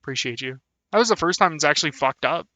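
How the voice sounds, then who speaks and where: Bright, chatty young male streamer. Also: fairly high pitch, expressive, quick pace, no echo. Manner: chatty, laughs often, thanks viewers warmly. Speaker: VTuber streamer. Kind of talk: casual live-stream chat.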